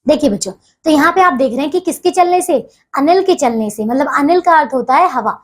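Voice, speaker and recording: High-voiced woman teaching grammar to kids. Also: animated, a little fast. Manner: patient, repeats "dekhiye" and "theek hai" often. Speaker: school teacher. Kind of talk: explaining a grammar lesson to children.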